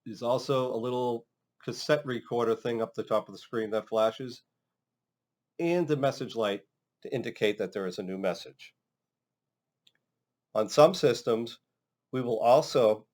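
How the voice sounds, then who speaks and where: A man's voice: mid-range voice, a little mellow. A man working as a trainer, narrating an instructional demonstration in a casual, step-by-step way. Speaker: phone system trainer.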